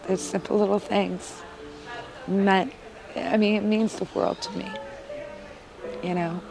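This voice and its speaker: A woman's voice: medium pitch, steady tone, slow pace, vocal fry, music in the background, poor audio. A woman, a mother, giving an earnest, emotional testimonial in an interview. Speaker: parent interviewee.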